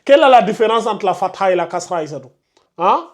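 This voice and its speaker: A man teaches a recitation class in a high voice for a man. He keeps pressing his point and goes over each step again and again. He scolds the students who lose track. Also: lively intonation, fast talker. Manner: insistent, repeats explanations step by step, scolds students. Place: classroom with a board.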